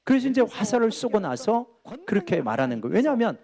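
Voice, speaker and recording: A man's voice: sits high, very animated, quick pace, gravelly, darkish tone. A middle-aged male pastor preaching a sermon, telling a story and acting out the quoted lines.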